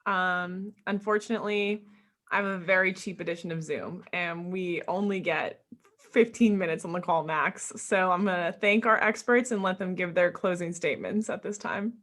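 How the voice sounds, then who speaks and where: A woman's voice: fairly low pitch, fairly even intonation, normal speed, fairly bright tone, close to an everyday voice. A woman improvising a polite, formal moderator of an online panel, heard over a video call. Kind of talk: improvised comedy role-play.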